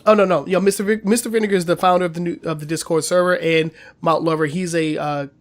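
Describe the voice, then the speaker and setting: A man co-hosts a casual gaming news podcast, speaking quickly in a voice on the high side with fairly even intonation. He's chatty and full of fillers, and a cold makes him sound slightly nasal.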